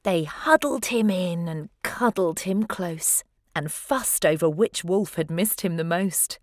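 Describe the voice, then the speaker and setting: Female storybook narrator, slow and expressive, dramatic emphasis, dry recording. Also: lowish voice, no echo. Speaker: storybook reader. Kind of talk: expressive children's read-aloud narration of rhyming verse.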